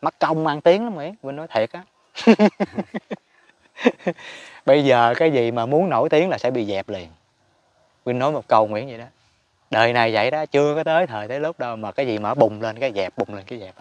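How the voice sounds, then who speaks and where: A man's voice: medium pitch, expressive, brisk, no room sound. A man giving a casual Buddhist teaching talk, chatty and emphatic, chuckling often. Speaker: spiritual teacher.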